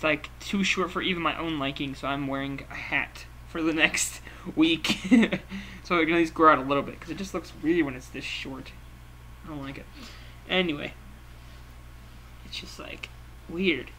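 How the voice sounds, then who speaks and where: Bright-voiced young man rambling late at night. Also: a little high, normal speed, a little hiss or hum. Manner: rambling, chatty, laughs often. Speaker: vlogger. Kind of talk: casual late-night vlog.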